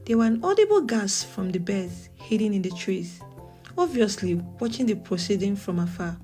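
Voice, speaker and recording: A Nigerian woman storyteller reads a folktale in a measured, dramatic way. Her voice is mellow and warm, not bright. Soft music plays faintly underneath. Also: medium pitch, lively intonation. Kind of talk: scripted folktale narration.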